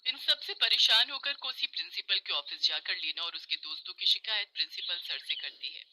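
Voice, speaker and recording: A woman telling a horror story for children in a steady, scripted narration. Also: fairly low pitch, a little fast, low-quality recording.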